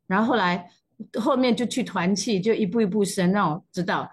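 A woman with a Taiwanese Mandarin accent, middle-aged; breathy, husky tone, emotional testimony storytelling. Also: medium pitch, a little fast. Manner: emotional storytelling, voice jumping up at moving moments. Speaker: church testimony speaker. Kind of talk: personal faith testimony.

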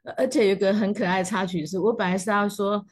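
A woman with a Taiwanese Mandarin accent, middle-aged; breathy, husky tone, emotional testimony storytelling. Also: mid-range voice, fairly even intonation, quick pace. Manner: emotional storytelling, voice jumping up at moving moments. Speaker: church testimony speaker. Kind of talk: personal faith testimony.

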